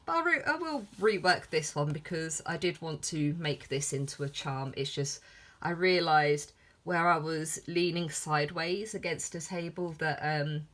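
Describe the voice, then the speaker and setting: A woman with a fairly low voice and a lisp gives a casual sketchbook commentary. She takes it very slowly, hesitating often, and sounds self-deprecating and a little giggly. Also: a bit bright. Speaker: artist showing a sketchbook. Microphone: filmed on iPhone.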